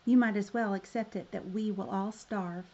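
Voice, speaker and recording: Cold storybook stepmother, read by a woman narrator, curt, nagging, bossy, mellow timbre, lo-fi recording. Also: medium pitch, fairly even intonation, normal speed, close to an everyday voice. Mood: cold, scheming.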